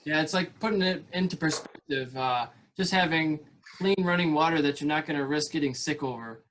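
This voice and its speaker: A man hosting a podcast with a voice pitched a bit high for a man. He talks in a casual, easygoing way and often lets his thoughts trail off. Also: a little fast, fairly bright tone, slight background noise. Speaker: podcast host. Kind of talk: casual interview chat.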